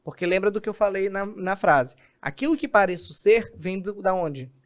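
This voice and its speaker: A man, a communication specialist, explaining in an animated podcast interview and acting out examples. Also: high voice, moderate pace. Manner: animated, acts out examples in quoted voices.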